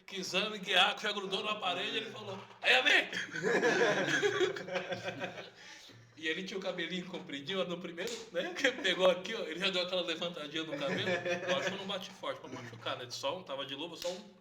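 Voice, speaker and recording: A man, a karate instructor with a Brazilian Portuguese accent, telling animated anecdotes in a casual podcast chat. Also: high voice, fast, few pauses, a little hiss or hum. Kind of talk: casual storytelling.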